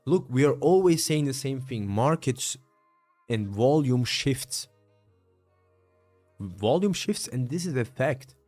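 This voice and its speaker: After a long trading session, a weary streamer in his late twenties casually narrates his trades and answers chat, leaning on fillers and calling viewers "bro." His mid-range, slightly mellow voice is expressive yet slow, with long pauses, over soft background music.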